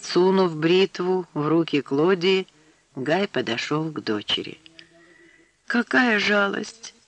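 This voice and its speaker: A man narrating an audiobook in a measured, steady reading on a close studio mic. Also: fairly high pitch. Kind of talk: scripted narration.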